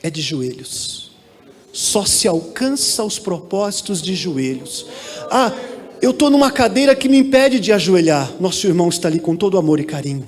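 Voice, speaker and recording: A man preaching a sermon into a handheld microphone, building to fervent prayer. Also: on the high side. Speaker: pastor. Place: large church hall. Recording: reverberant church hall with faint ambience.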